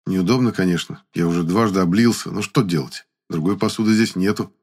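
A man narrating an audiobook in the first person with an even storytelling delivery. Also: sits low, brisk, husky.

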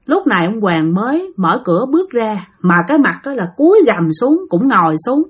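A woman's voice: fairly high pitch, big pitch swings, a little fast, breathy edge. A woman with a Southern Vietnamese accent telling a spirit story casually, chatting directly to her listeners.

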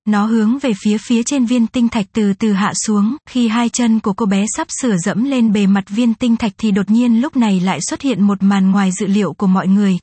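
A woman narrating a fantasy novel in a steady, even reading style. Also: mid-range voice, breathy edge, no room sound. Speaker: audiobook narrator.

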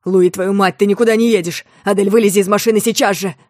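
Woman reading an angry young guy, gruff bossy shouting, dry close sound. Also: medium pitch, fairly even intonation, fast, no echo, close to an everyday voice. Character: angry young man shouting after his friends.

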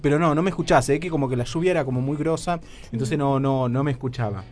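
A young man with a Rioplatense Spanish accent, telling a comic story on a radio show, animated and acting out his own lines, using crude slang. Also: medium pitch, fast, soft background music.

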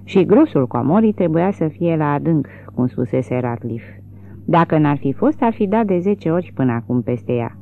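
A gravelly, mid-range voice narrates a literary novel for an audiobook, reading in an expressive and dramatic style. The recording sounds tinny and narrow.

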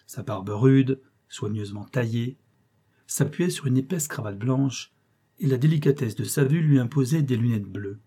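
Male audiobook narrator, measured expressive reading, mellow husky voice. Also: medium pitch.

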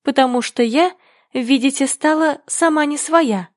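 A woman's voice: high voice, unhurried, dry recording, studio quality, voice pushed up. A woman voicing a polite, confused little girl who grows flustered as she talks.

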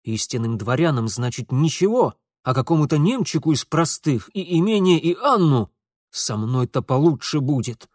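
A man's voice: on the high side, big pitch swings, normal speed, darkish tone, dry recording, studio quality. A man voicing a hot-headed young lieutenant who grumbles sullenly and whines under blows. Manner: sullen grumbling, whining when hit.

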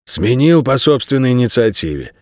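A man's voice: mid-range voice, sing-song, moderate pace, a little mellow, no echo, studio quality, natural voice. A man voicing a weary, blunt male guard dog, speaking curtly in a raised voice. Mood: irritated.

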